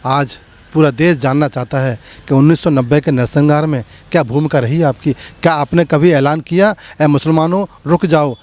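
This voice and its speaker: A man's voice: fairly high pitch, normal speed, darkish tone. A man, a community leader, answering interview questions in a rhetorical, impassioned speechmaking manner with many repetitions.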